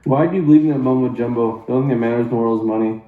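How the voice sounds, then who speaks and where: A man's voice: mid-range voice, racing, natural voice. A man playing a goofy, greedy, grouchy old uncle in an amateur sock puppet show, with a muffled voice. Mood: dismissive, greedy. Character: crusty, grumpy, greedy old reserve uncle, nearly ninety-five. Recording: muffled sound in echoey room.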